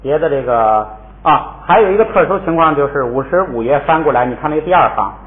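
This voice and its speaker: A man teaching a language lesson in a relaxed spoken style, explaining patiently and repeating words for students to echo. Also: on the high side, a little fast. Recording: echoey room over a tinny phone-like line.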